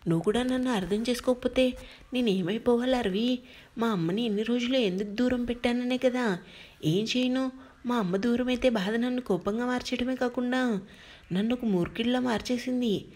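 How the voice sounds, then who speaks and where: Brief: an emotional, pleading young man, voiced by a female narrator, slightly high. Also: moderate pace, darkish tone, lightly acted.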